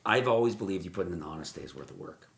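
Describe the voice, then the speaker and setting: A man, a mortgage broker, telling stories in a podcast interview, animated and repeating words as he acts out what people said. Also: low-pitched, fast, vocal fry. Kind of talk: storytelling interview chat. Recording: roomy echo.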